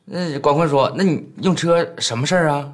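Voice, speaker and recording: A man's voice: on the high side, a little fast, close to an everyday voice. An actor playing a polite, hesitant young man.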